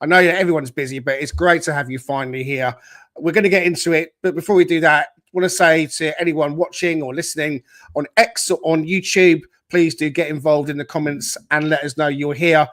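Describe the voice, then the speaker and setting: A man with a fairly high voice hosts a podcast in easy, upbeat chat. He welcomes commenters by name before handing over to his guest. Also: fairly even intonation, a little fast, fairly bright tone. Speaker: podcast host. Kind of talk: casual chat.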